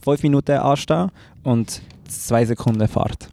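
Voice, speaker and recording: A man's voice: medium pitch, normal speed, creaky, mellow, a little hiss or hum. A young man with a Swiss German accent on a casual podcast, mixing English words into his speech. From Switzerland. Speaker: podcast co-host. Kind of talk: casual chat.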